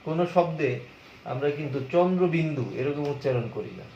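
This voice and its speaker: A slightly high-voiced man gives a lecture and explains each point step by step, answering the questions he asks himself. The sound is muffled and echoes around the room, with a faint hiss behind it. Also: fast, a little mellow. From Bangladesh. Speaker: college lecturer. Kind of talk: lecture on pronunciation.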